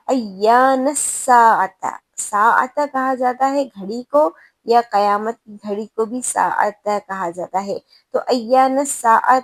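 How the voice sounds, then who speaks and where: A woman with a Pakistani Urdu accent teaching an Arabic grammar class, patiently repeating each example slowly. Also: mid-range voice, no echo. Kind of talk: explaining lesson with examples.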